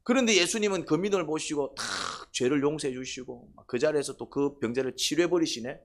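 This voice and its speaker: A male pastor preaching a sermon, with lively delivery, many rhetorical questions and quotes he acts out. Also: fairly high pitch, fast talker.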